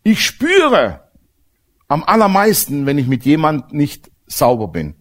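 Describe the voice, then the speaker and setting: A man preaching a sermon to a congregation, animated and direct, asking them questions and mixing in humor. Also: fairly high pitch, slow. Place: church service with congregation.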